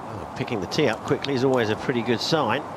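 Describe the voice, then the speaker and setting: A man's voice: medium pitch, quick pace. A man giving live golf commentary in a conversational way. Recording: clear outdoor ambient noise. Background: outdoor ambience.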